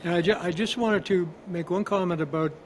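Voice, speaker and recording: Male host, slightly high-pitched, measured and analytical. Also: slight background noise. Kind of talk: interview commentary.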